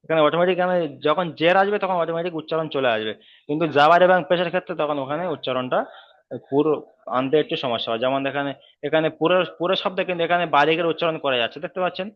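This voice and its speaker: A man's voice: on the high side, muffled recording. Patient man teaching recitation online. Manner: patient, repeats letters and syllables slowly. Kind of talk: online class tutoring. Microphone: video call.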